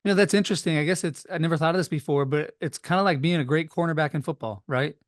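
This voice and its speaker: A man's voice: on the high side, quick pace, no echo, clean studio sound. A man hosting an interview in a casual, conversational style. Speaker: interview host.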